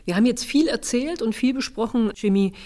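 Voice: mid-range voice, a little fast, warm tone. An interviewer asking short, prompting questions and often giving brief "mhm" replies.

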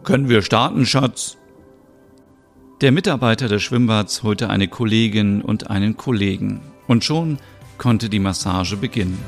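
A man reading scripted narration for an audio soap opera in a calm, even storytelling manner. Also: lowish voice, normal speed, soft background music. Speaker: narrator and sole voice actor.

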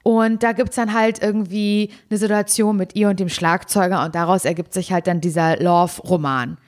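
A woman in her thirties co-hosting a podcast, telling stories with a loud, full voice and acting out quotes. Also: medium pitch, moderate pace. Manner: animated storyteller, acts out quotes, laughs a lot. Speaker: podcast co-host. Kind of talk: casual podcast chat.

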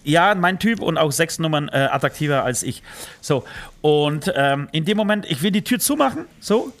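A man's voice: a little high, lively intonation, moderate pace, fairly bright tone. A man chatting casually in German, telling stories with many fillers, restarts and teasing asides. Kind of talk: casual chat.

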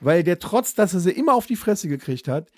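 A man co-hosting a podcast in casual, crude chat, telling stories animatedly and mocking people with quick impressions. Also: sits high, sing-song, dry recording, clean studio sound. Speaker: podcast co-host.

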